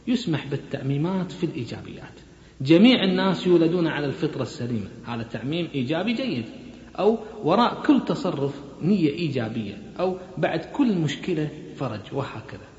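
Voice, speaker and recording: A man giving a brisk, instructive self-help lecture that is full of examples. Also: fairly high pitch, animated, darkish tone. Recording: echoey hall, muffled sound.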